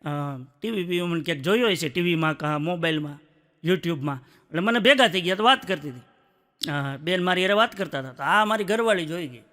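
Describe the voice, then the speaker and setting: A man's voice: high voice, expressive, a little fast, pushed and bright. A man telling comic stories on stage, chatting with the audience and acting out what his wife and others said. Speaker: stand-up comedian. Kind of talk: stand-up comedy storytelling.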